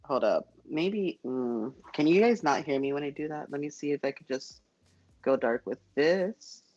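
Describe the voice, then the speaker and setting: A man's voice: a little high, expressive, normal speed, a little mellow. Man on a choppy, lo-fi internet call. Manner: rambling, self-conscious, with many fillers. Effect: choppy internet call connection that cuts in and out. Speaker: guest poet calling in. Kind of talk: casual chat. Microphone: app on a phone or computer. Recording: dull lo-fi call audio.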